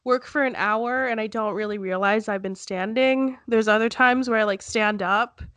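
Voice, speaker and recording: A woman's voice: on the high side, moderate pace, a bit bright, no echo. A young woman with a stuffy, congested nose, co-hosting a casual chat in a giggly, rambling way. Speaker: podcast co-host.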